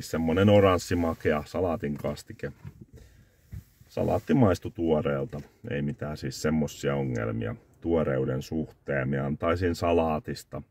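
A very low-pitched man talks to a phone camera from inside a parked car. He rambles through a food review, correcting himself and giving scores out of five. The sound is dry and close. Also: darkish tone, no echo. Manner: rambling, self-correcting, scoring dishes out of five. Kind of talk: casual review vlog. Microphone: phone camera on the dashboard.

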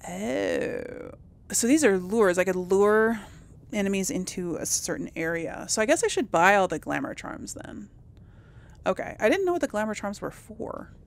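A woman hosts casual let's play commentary, musing slowly and talking to herself about her gameplay. Her voice is medium in pitch, sing-song and creaky.

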